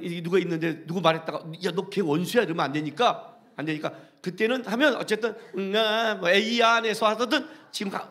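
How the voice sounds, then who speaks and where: A middle-aged man preaching to his congregation as their senior pastor. His voice sits high and bright and moves a lot in pitch. He jumps from loud exhortation to hushed, almost whispered asides. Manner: exhorting, rhetorical questions, swings between loud urging and hushed asides; briefly sings a hymn line during the sermon. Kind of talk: sermon.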